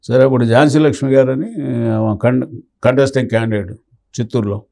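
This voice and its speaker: A man's voice: medium pitch, fairly even intonation, fast talker, gravelly, mellow. Older man recounting his police memories. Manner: anecdotal, acts out quoted dialogue. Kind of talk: storytelling in an interview.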